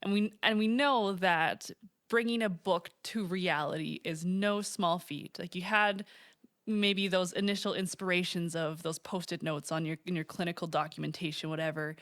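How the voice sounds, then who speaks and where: A woman's voice: on the low side, steady tone, normal speed, fairly bright tone, no echo, clean studio sound. A woman hosting a casual interview, talking in a conversational, admiring way. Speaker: interview host.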